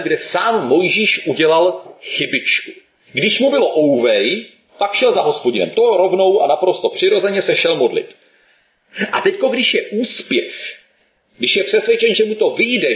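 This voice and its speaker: A male preacher giving a sermon in a lively, colloquial storytelling manner. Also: sits high, roomy sound, dull audio.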